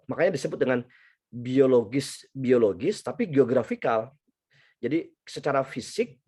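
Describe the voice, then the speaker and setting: A man's voice: medium pitch, darkish tone. A middle-aged man from Indonesia giving a casual university lecture, chatty and anecdotal, with many fillers and restarts.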